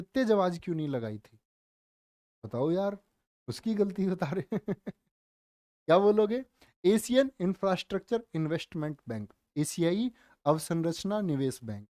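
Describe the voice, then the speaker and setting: A man teaching a live online general knowledge class, speaking slowly and deliberately, repeating facts and quizzing his viewers, with joking asides. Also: a little high, a little mellow, no room sound, studio quality. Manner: calls viewers "dear children", joking asides. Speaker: online exam-prep teacher.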